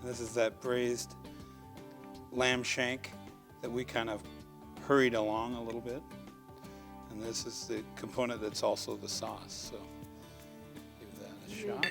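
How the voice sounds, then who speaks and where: A man working as the chef on a cooking show, explaining each dish in a relaxed, plain way. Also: mid-range voice, measured pace, gravelly, pauses often, over music. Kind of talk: casual cooking-show presenting.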